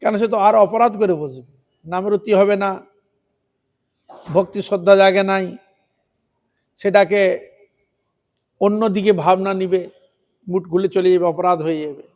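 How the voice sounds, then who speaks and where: A man's voice: sits high, fairly even intonation, a little mellow. A man giving a devotional sermon, asking rhetorical questions and repeating chanted words. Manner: repetitive chanting of words, rhetorical questions, slows to intone verses. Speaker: preacher.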